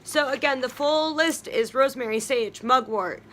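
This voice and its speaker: A woman's voice: high-pitched, moderate pace, a bit bright. A young woman hosting a casual talk on herbs, chatty and full of ums and restarts as she works down a list. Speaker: witchcraft video host.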